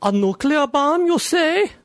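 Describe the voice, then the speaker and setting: A man voicing a sour, brisk middle-aged woman police chief who gives curt, commanding orders. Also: extremely high pitch, lively intonation, no room sound, pitched above the performer's own voice.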